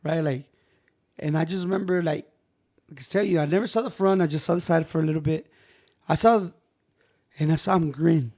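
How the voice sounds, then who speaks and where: Animated man telling a story, higher voice. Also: brisk, long pauses. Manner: animated, acts out quoted voices, says "bro" and "man" often. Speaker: podcast host telling a personal story. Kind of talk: casual storytelling.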